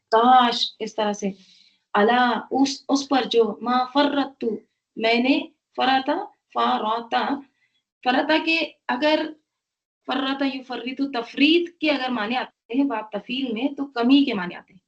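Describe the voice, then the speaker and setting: Woman teaching a Quran lesson, lo-fi. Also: fairly high pitch. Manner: explains word by word, checks in with "right?". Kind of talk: tafseer lesson. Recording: dull lo-fi sound.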